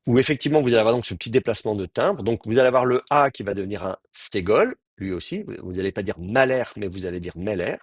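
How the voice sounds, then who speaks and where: A man's voice: medium pitch, animated, fast talker, few pauses, dry recording, studio quality. A man teaching a grammar class, explaining patiently and often restarting his sentences. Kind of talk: Hebrew grammar lecture.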